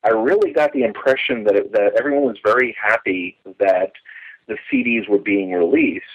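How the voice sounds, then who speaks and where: Over muffled, low-fidelity phone audio, a middle-aged man speaks at a moderate pace in a fairly low voice. He's a longtime fan looking back in a conversational interview, telling his story with enthusiasm, lots of detail, and frequent tangents.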